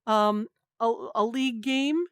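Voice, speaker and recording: A woman's voice: a little high, unhurried, smooth, dry recording, studio quality. A woman co-hosting a casual gaming podcast, talking in a chatty, rambling way with lots of fillers. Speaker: co-host.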